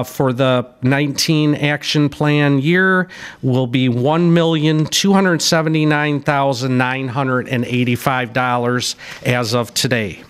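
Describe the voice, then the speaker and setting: A man's voice: mid-range voice, smooth. A middle-aged man, a city staff member, reading budget figures from his notes at a public hearing, with some "uh" fillers and restarts. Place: city council chamber, indoors. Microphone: podium microphone.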